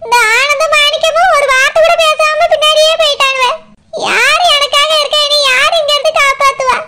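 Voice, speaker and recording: A woman's voice: extremely high pitch, fairly even intonation, normal speed, sharp tone. A woman voicing a middle-aged village mother, locked in jail, who sobs and pleads with a Tirunelveli Tamil accent. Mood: lamenting. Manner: wailing, pleading, sobbing. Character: jailed village mother, middle-aged, sobbing, self-pitying. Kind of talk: cartoon voice acting.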